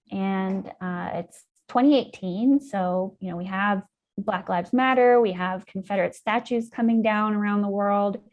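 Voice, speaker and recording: A woman scientist telling a story in an interview, thoughtful, with frequent ums and you-knows, and livelier when she recounts key moments. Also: medium pitch. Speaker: guest scientist.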